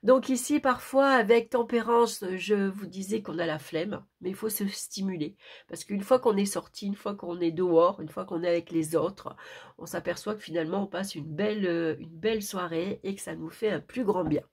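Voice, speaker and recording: A woman's voice: mid-range voice, normal speed, darkish tone, slightly rough. A woman with a sore throat from tonsillitis presenting an informal tarot horoscope reading, subdued and searching for her words.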